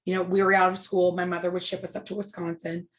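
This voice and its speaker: A woman's voice: lowish voice, quick pace, slight background noise. A woman from Texas, a guest mixologist, telling stories in casual chat. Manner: animated storyteller.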